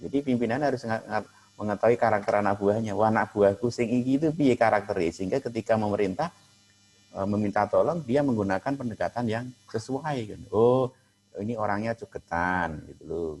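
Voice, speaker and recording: A man lecturing adult learners, with frequent pauses and fillers. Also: fairly low pitch, a little mellow, rough recording. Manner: addresses audience as Bapak dan Ibu, many fillers. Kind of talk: lecture on cooperative management.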